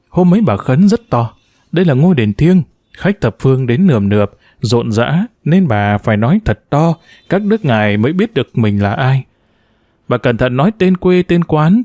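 A man narrating a novel in a steady storytelling manner. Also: medium pitch, dry recording, studio quality. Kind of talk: audiobook novel reading.

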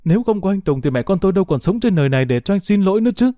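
A man's voice: mid-range voice, a little fast, mellow, no room sound, clean studio sound, close to an everyday voice. A man voicing a young wife who reproaches her former lover through sobs, in a storybook reading. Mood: bitter. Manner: sobbing, bitter reproach. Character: young wife, tearful and resentful.

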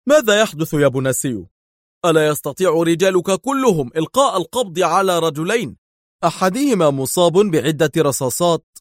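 A man's voice: a little high, expressive, a little fast, no room sound, studio quality, pitched above the performer's own voice, natural voice. A man voicing a stern, angry male police officer who speaks harshly and gives commands. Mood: mocking.

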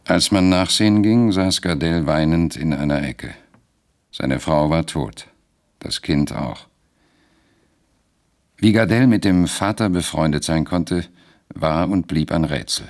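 A man narrating a radio drama in a measured, deliberate storytelling manner. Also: a bass voice.

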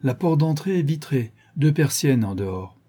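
A man reading the part of a cunning old one-eyed woman thief, reporting in brisk detail in an audiobook. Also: fairly high pitch, animated, dark tone, breathy edge, pitched above the performer's own voice.

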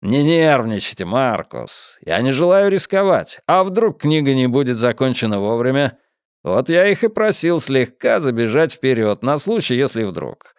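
A man reading an audiobook and voicing a pushy publisher who talks smoothly and coaxingly. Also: mid-range voice, sing-song, moderate pace, no echo, studio quality. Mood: wheedling. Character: pushy male publisher, slick and unbothered.

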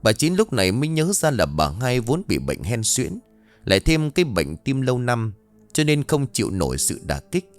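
A man narrating a ghost story in an expressive, dramatic scripted reading. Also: mid-range voice, moderate pace, faint music behind.

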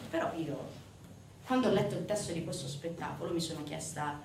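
On stage, an actress performs a theatrical narrative monologue, speaking emphatically to her audience and posing rhetorical questions straight at them. Her voice is deep and darkish, and she talks fairly quickly. The sound is roomy, captured from a distant mic, with faint background noise.

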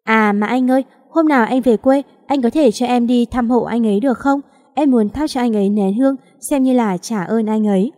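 A woman's voice: on the high side, fairly quick, dark tone, lightly acted. A woman voicing a young woman who coaxes and pleads affectionately. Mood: coaxing. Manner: coaxing, pleading. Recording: long reverb.

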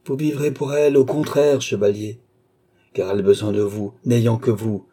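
A man voicing a commanding, mysterious count in an audiobook, giving firm, measured orders. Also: medium pitch, steady tone, mellow, lightly acted. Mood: imperious.

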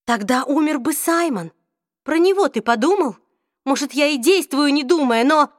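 A woman's voice: high-pitched, lively intonation, normal speed, dry recording, voice pushed up. A woman doing a hurt, defiant teenage girl in a storybook reading. Her voice lifts a little as she pleads and argues. The recording is dry and close.

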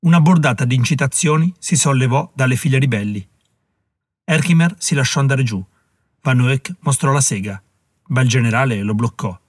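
Male audiobook narrator, mid pitch, dramatic and even; dry booth sound. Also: normal speed, no echo. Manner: steady dramatic reading. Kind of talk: scripted narration.

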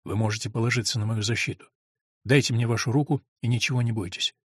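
A man voicing a calm young nobleman who speaks slowly, softly and soothingly. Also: medium pitch, slightly rough, dry recording, clean studio sound, voice pushed down, natural voice. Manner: slow, soft, soothing.

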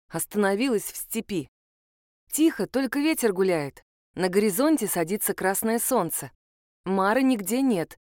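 Calm woman reading a story aloud. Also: medium pitch, no room sound, studio quality. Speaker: audiobook narrator. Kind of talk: first-person fantasy narration.

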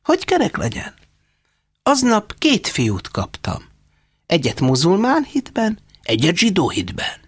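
A man reading an audiobook, voicing a shrewd, fussy old foster mother in a high, insistent voice. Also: wildly swooping pitch, husky, no echo, heavily acted. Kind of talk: audiobook character voice.

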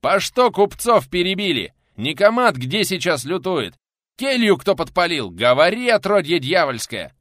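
A man's voice: on the low side, big pitch swings, moderate pace, a bit bright, no echo, studio quality. Man playing a furious old pensioner barking orders.

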